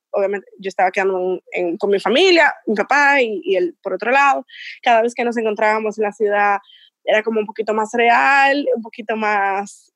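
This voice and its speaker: A woman from the Caribbean in her thirties, a guest telling a story in a casual interview, lively and laughing often. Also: fairly high pitch, no echo, clean studio sound.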